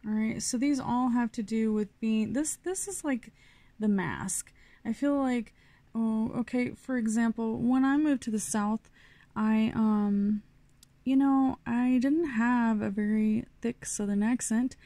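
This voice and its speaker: A middle-aged woman from New Mexico gives a casual tarot reading, her voice gravelly and mellow. She rambles a bit, with fillers and restarts, and the sound is dry and close. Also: on the high side, a little slow, no room sound. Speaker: tarot reader.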